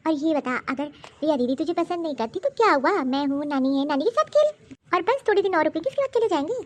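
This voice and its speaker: A woman voicing a caring young mother who talks in a coaxing, reassuring way, for an animated story. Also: high voice, fast talker, pitched below the performer's own voice. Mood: soothing, worried. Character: caring young mother, soothing her daughter.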